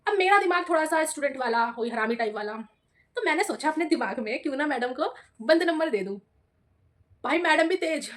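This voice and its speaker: A young woman vlogger tells a story from her own life in a high, bright voice and at a quick clip. She is chatty and animated, and she keeps addressing her viewers casually as she talks.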